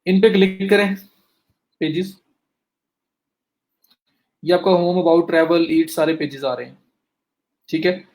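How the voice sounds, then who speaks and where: Fast-talking man teaching a screen-share lesson. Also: high-pitched, fairly even intonation, a little mellow. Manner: talks students through clicks step by step, addresses them directly; says he is talking fast to cover more. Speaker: digital marketing instructor. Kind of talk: live screen-share lecture.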